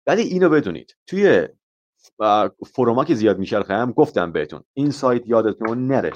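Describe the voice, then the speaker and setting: A man runs a live online English lesson. He explains patiently and walks through everyday examples, slipping English phrases into his talk. His voice sits at an ordinary middle pitch, and the stream audio is dull and lo-fi. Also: sing-song. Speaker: IELTS teacher.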